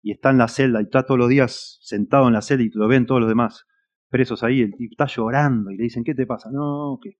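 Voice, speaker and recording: An earnest man with a Rioplatense accent preaches a sermon at a middling pitch. He presses his points hard, swelling loud and then falling almost to a murmur. The recording is dull and lo-fi. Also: fairly even intonation, quick pace. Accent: Rioplatense Spanish. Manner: earnest, emphatic, swells and drops in loudness.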